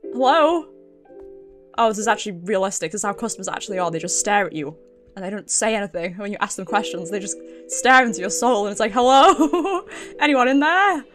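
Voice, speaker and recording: A British game streamer keeps up casual, playful commentary while she plays, reading the dialogue out loud and muttering to herself with giggles and mild swearing. Her medium-pitched voice is expressive, brisk, and a bit bright over the game music.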